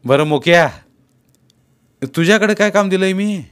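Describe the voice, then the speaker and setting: A man voicing a gruff, bossy middle-aged village landowner, scolding his farmhands. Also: high-pitched, normal speed, a bit bright, voice pushed up.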